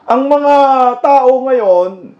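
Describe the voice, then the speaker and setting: Very high-pitched man, slow mocking commentary, dull lo-fi recording with clear noise. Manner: mocking, laughs often, bursts into shouts. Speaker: political commentary vlogger. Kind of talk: casual political commentary.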